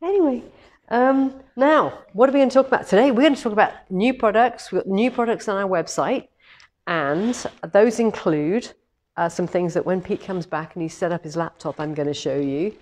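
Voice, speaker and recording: Cheerful and chatty, a quilting shop owner with a head cold rambles through a live-streamed demo, using lots of ums. Her slightly hoarse voice is medium-pitched and a little mellow, at a normal speed. She's indoors in a large showroom with longarm machines, filmed by a camera on a tripod several metres away.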